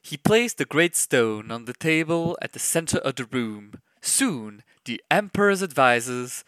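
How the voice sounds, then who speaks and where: A man reads a storybook tale aloud at an unhurried pace, his pitch rising and falling with feeling. His tone is bright and forward, and the recording is dry and close. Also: smooth, no echo. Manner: slow and expressive with sound effects. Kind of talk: storybook read-aloud narration.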